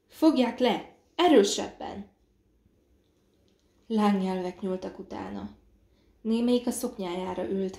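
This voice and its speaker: A woman narrates an audiobook in a measured, dramatic reading. Her voice has a gravelly texture, and the recording carries a roomy echo. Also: mid-range voice, a little mellow. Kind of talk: scripted narration.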